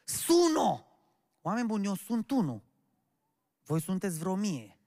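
A man's voice: sits high, sing-song, mellow. A man preaching a sermon to his congregation as their pastor, emphatic and often calling out questions to them. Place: church hall. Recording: long church-hall reverb.

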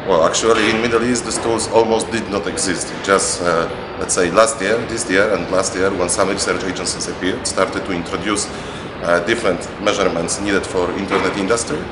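A deep-voiced man in his forties with a Polish accent speaks earnestly, pausing often to search for words. He sounds like he is standing in a large hall, with a long echo and steady background ambience. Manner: earnest, hesitant with frequent fillers. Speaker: interviewee, research company representative. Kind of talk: conference interview. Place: large indoor banquet hall. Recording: echoey hall with room noise.

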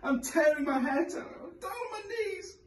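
A man voicing a fretful little old woman who wails and pleads in a shrill voice. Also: animated, measured pace. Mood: pleading. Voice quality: shrill, wailing. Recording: roomy, from a distance.

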